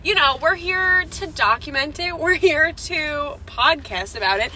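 A woman's voice: high voice, expressive, measured pace, sharp tone, a little hiss or hum. A young woman from Long Island with a Long Island accent, co-hosting a podcast in a chatty, giggly casual chat. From Long Island, New York. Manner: chatty, giggly, many fillers. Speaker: podcast co-host.

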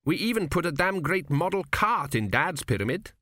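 A man voicing a newly dead king who grumbles and frets, raised well above his own pitch. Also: sing-song, normal speed, pushed and bright, no echo, studio quality, full character voice. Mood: puzzled, doubtful. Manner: querulous, grumbling. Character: fretful newly dead male king, indignant.

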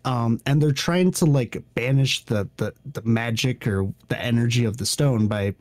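A man co-hosting a podcast, casually recapping a movie plot with laughs and animated retellings. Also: medium pitch, moderate pace, no echo. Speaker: podcast co-host.

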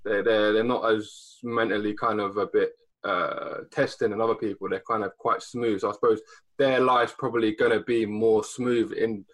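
A man's voice: on the low side, fairly even intonation, moderate pace, fairly bright tone, low-quality recording. A young man hosting a casual podcast, thinking aloud in a rambling, hesitant way. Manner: rambling, hesitant, many fillers and restarts. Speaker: podcast host. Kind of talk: casual chat.

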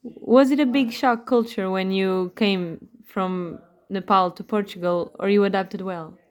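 A woman's voice: medium pitch, steady tone, measured pace, dull audio. A woman hosting a casual podcast interview, asking questions and finishing the guest's sentences. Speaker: podcast host.

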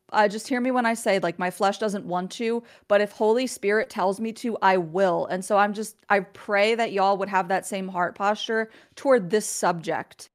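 A woman speaking over a video call as guest on a faith livestream, talking in an earnest, candid way with many fillers and reading scripture aloud. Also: medium pitch. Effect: heard over a video call connection.

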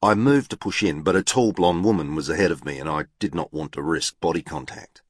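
Deep, dry, deadpan male narrator. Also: fairly quick, no room sound. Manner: precise, formal and deadpan. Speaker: audiobook narrator. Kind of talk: first-person novel narration.

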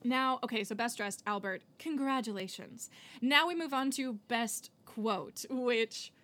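A woman with a slightly high voice co-hosts a relaxed podcast, gushing over favorite film scenes. She laughs often and talks with easy enthusiasm. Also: measured pace. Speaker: podcast co-host. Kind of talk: casual chat about a film.

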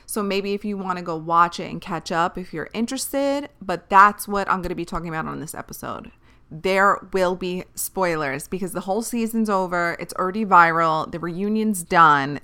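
Woman podcast host, bright clear-cut voice, rambling casual chat, candid and a bit sweary. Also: on the low side.

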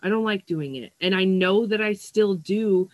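A woman's voice: mid-range voice, normal speed, darkish tone, no echo. A woman healer giving a casual oracle card reading to her viewers, blunt and profane, yawning and sighing, stumbling over words as she reads the card text. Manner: blunt and profane, with frequent yawns and sighs.

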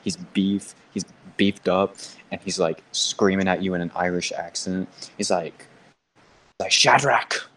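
A man's voice: low voice, level tone, unhurried, recorded from a distance, low-quality recording. A man doing improvised comedy banter, goofy and rambling, laughing often. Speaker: comedic interviewer.

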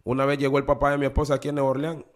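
A man's voice: mid-range voice, completely flat delivery, rapid-fire. A man giving an earnest, confessional podcast testimony, often repeating his phrases. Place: New Orleans.

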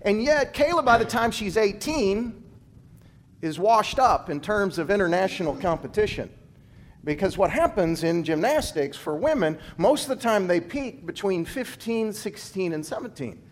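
Emphatic, fairly high-voiced male speaker. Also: lively intonation, moderate pace. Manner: emphatic storytelling, big swings in pitch and loudness; drops low and quiet to land key points. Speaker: former gymnastics coach, speaker.

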